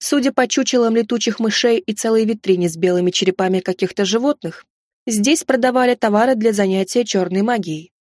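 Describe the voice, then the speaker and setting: A woman narrating a first-person fantasy audiobook with a wry, lively inner monologue. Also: mid-range voice, a little fast, no echo, studio quality.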